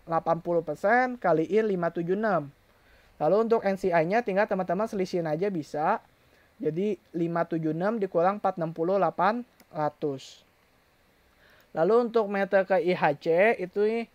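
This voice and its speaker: A woman with an Indonesian accent and a low, darkish voice gives an informal step-by-step accounting tutorial, speaking directly to learners and often answering her own questions. The close, dry recording is dull and lo-fi, with no room sound.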